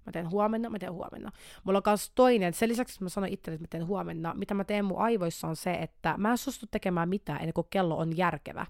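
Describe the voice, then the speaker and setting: A woman's voice: lowish voice, vocal fry, hardly any pauses, a little mellow, no echo, clean studio sound. A young woman hosting a podcast, talking candidly and animatedly about her own struggles, often restarting and repeating words and slipping English words into her speech. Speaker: podcast host. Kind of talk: candid personal podcast monologue.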